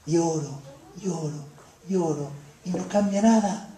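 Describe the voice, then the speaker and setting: A woman with a Rioplatense Spanish accent preaching a sermon, passionate, dropping to hushed phrases and rising to emphatic ones. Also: fairly low pitch, unhurried, slight background noise. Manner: impassioned, swings between soft hushed phrases and raised emphatic ones. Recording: echoey room.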